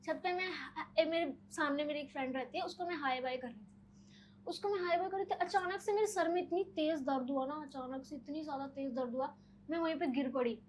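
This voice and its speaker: A young woman, a podcast guest, telling personal stories in a casual, animated way, often using filler words. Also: high voice, fairly quick, a little hiss or hum, low-quality recording. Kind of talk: casual storytelling.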